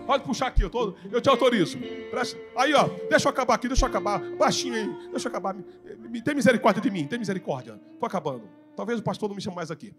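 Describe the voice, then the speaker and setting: A man from Brazil preaching a fervent Pentecostal sermon in church, telling his own testimony and rising into shouted exhortation. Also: sits high, lively intonation, racing, hardly any pauses, over music. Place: church service.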